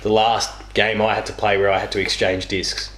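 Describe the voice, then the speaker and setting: A young adult man, a guest on a couch in a small, echoey living room, rambles through gaming stories in casual chat, often correcting himself. His voice is lowish and fairly bright, with a level tone and moderate pace.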